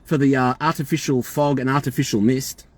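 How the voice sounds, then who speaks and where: A man's voice: mid-range voice, flat delivery, brisk. An Australian man calling a hotline, talking in an insistent, emphatic and repetitive way. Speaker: caller. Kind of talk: phone call complaint.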